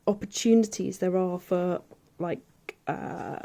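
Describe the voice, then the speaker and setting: A woman giving a casual hands-on sewing demonstration, chatty and thinking aloud as she pins fabric, with soft asides. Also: fairly low pitch, fairly even intonation, slow, vocal fry. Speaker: quilting tutor.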